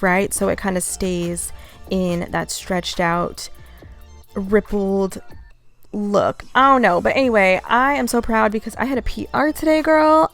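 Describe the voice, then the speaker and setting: A woman's voice: mid-range voice, creaky. Young woman, casual fitness vlog chat, upbeat, breathless, faint background music. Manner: chatty, upbeat, addresses viewers as girl. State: out of breath after workout. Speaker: fitness vlogger.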